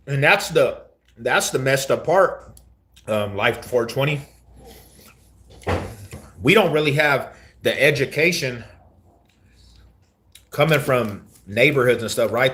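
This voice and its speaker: A man's voice: medium pitch, a bit bright. A man in his forties telling his story on a casual live stream, slangy and repeating himself, calling the listener bro. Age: 40s.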